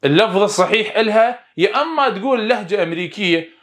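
A male English teacher with an Iraqi Arabic accent gives a lively online lesson, coaxing students and repeating English words slowly for them to echo. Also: high-pitched.

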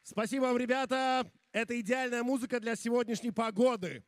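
A middle-aged man announcing acts live on stage like a ringmaster, with showy, drawn-out introductions, speaking into a handheld microphone. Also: steady tone. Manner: showman-like ringmaster delivery with drawn-out, booming introductions. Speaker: concert host, master of ceremonies. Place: outdoor festival stage.

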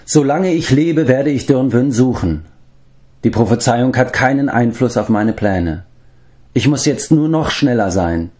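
A resolute warrior lord, grave and commanding, spoken higher than the reader's usual tone, as a man puts him on. Every line sounds firm and final, read from a storybook. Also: expressive, unhurried, darkish tone, natural voice.

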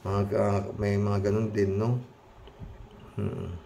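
Gravelly-voiced middle-aged man, emphatic. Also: lowish voice, steady tone, slow, a little hiss or hum. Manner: emphatic, heated rhetorical questions, frequent "oh" interjections; quieter and more subdued when reading comments and signing off. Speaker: commentary vlogger reading viewer comments. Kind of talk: casual spoken commentary to viewers.

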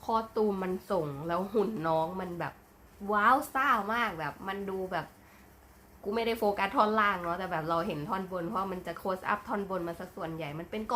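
A woman vlogger giving an excitable, casual reaction commentary, full of gasps and crude slang. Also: medium pitch, fairly quick, a little hiss or hum.

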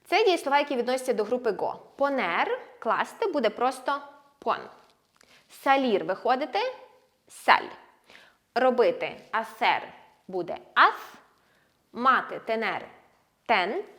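A woman teaching a language lesson, explaining patiently step by step and slowing down on example words. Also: a little high, very animated, fairly bright tone. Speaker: Spanish teacher.

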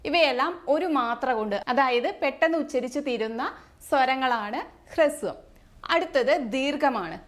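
A woman's voice: high voice, lively intonation, normal speed. A woman teaching an exam-prep grammar lesson, patiently repeating each definition and listing letters one by one.

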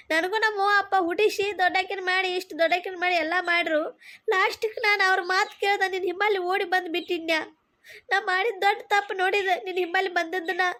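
A woman's voice: very high-pitched, bright, forceful tone. A woman with a Belagavi Kannada accent voicing a young, aggrieved daughter-in-law who complains tearfully in a cartoon comedy.

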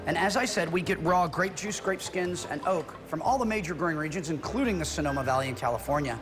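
A middle-aged winemaker leads a tasting indoors at a winery, explaining his product in a friendly, conversational way while recorded on a lapel mic. His voice is fairly high, fast and lively in intonation, with music playing underneath.

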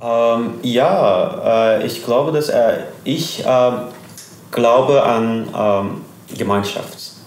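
Slow, hesitant man with a Persian accent. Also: mid-range voice, echoey room, a little hiss or hum. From Iran. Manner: hesitant, searching for German words, many fillers. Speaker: guest. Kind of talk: interview.

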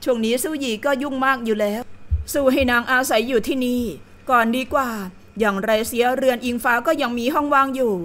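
A woman's voice: high voice, fairly even intonation, fairly quick, a bit bright. Frank, breezy young heroine, read by a woman. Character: bold quick-witted young heroine.

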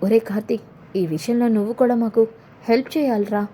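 A fond middle-aged mother coaxing her son, read by a woman narrator. Her voice is mellow and fairly high. It is a storybook-style telling. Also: fairly even intonation, a little fast, a little hiss or hum, natural voice.

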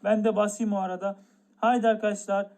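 Sitting high with a flat delivery and a darkish tone, a young man's voice addresses his chat during a live game stream. He stretches out the build-up, saying the same phrase again and again.

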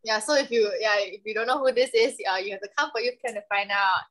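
A woman's voice: a little high, quick pace, fairly bright tone, rough recording. Young Singaporean woman hosting, Singlish-flavoured chat. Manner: colloquial Singlish particles. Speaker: online game host. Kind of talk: casual chat hosting a guessing game. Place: indoor room, video call. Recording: online group video call.

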